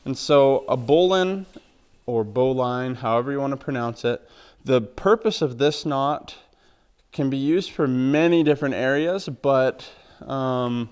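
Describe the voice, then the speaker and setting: A man, a horse trainer, calmly explaining knots step by step in a plain, practical way. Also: mid-range voice, clean tone. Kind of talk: instructional demonstration.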